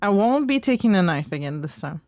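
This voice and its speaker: A woman streamer giving chatty let's-play commentary, giggling and reacting out loud. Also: mid-range voice, very animated, a little fast, no echo. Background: faint lofi music.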